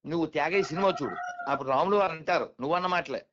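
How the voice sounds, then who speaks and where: Man, lecturing, rhetorical questions, somewhat high pitch, muffled lo-fi sound. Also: very fast, fairly bright tone. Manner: lecturing, rhetorical questions, addresses listener as "naanna". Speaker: spiritual speaker. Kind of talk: explaining conversation. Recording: dull lo-fi recording.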